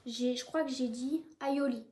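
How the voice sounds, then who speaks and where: A woman's voice: sits high, normal speed, warm tone. A woman chatting casually as she presents a homemade snack taste test.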